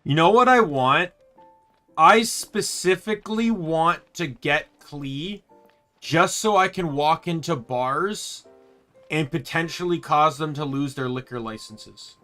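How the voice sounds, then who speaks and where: Soft music plays behind a man streaming a game from his home room, his voice on the high side, slow and sharp-toned. He chats casually about the gameplay, rambling and frequently starting sentences over.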